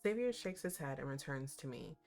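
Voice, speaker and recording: An expressive, playful woman doing casual, slangy reaction commentary and reading game text aloud. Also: deep voice, fairly quick, faint music behind. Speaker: reaction host.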